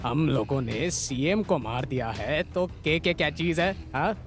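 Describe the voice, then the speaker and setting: A swaggering gang boss. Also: male voice, on the high side, expressive, unhurried, soft background music. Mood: cocky. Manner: swaggering, mocking laughter. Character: cocky boastful male hotel gang boss. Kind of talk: Hindi film dub.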